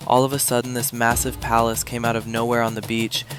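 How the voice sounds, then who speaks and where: Man playing a guarded, even-toned student. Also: medium pitch, fairly quick, over music, natural voice. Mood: reluctant. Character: reluctant, guarded student living in a dorm. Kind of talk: dramatic film dialogue.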